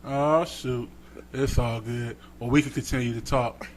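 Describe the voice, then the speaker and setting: A man's voice: mid-range voice, a little slow, slight background noise. A man co-hosting a podcast, telling a story in casual, slangy chat and acting out the people he quotes. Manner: animated, slangy, acts out quotes. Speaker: podcast co-host.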